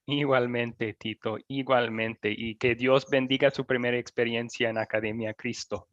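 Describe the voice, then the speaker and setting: A man's voice: mid-range voice, fairly even intonation, normal speed, a bit bright, dry recording, muffled recording. A male teacher hosting an online class, calling on students by name in a friendly way.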